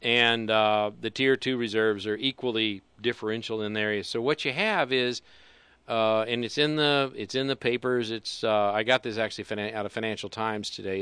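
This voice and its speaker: A man's voice: on the low side, sharp tone, smooth, dry recording. A man co-hosting a casual finance talk show, rambling and dryly sarcastic. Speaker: co-host.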